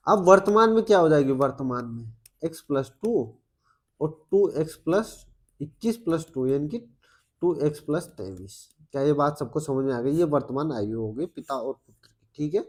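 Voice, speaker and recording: A man's voice: on the high side, slightly rough. Man coaching maths aloud, coaxing. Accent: Indian Hindi. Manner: coaxing, asks the students questions as he works; loud, then muttering calculations under his breath. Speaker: exam coaching teacher. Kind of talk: solving maths problems step by step.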